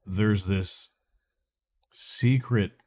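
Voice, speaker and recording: A man whose voice is on the low side speaks very slowly in a steady, darkish tone as he plays a video game. The let's play gamer is recovering from a cold, congested and nasal-sounding, and his casual gameplay commentary wanders as he thinks aloud.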